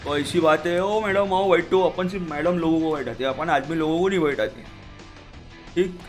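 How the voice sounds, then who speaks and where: A man giving comic gameplay commentary, joking in a playful street-seller way with sudden shouted calls. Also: a little high, a little fast, faint music behind. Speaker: gaming channel host. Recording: loud game sounds under the voice.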